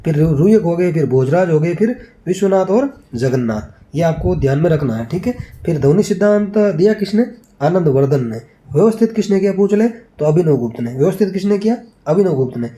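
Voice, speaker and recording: Male revision-class teacher, very mellow and dark tone, slightly high pitch, drills points by asking and answering his own questions. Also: lively intonation, fairly quick. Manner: quizzes with rhetorical questions, answers them himself; repeats key points, ends phrases with check-in tags. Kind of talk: exam revision lecture.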